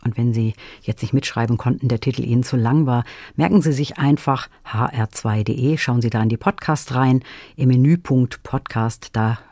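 A male radio host who thanks his guest and announces where listeners can find the podcasts, friendly and clear. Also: medium pitch, normal speed, darkish tone, no echo. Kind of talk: radio interview.

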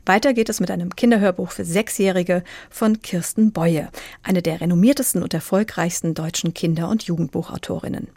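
A woman's voice: on the low side, a little fast, a little mellow. A woman radio host introducing a book and asking a critic questions in a conversational way. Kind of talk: radio presenting.

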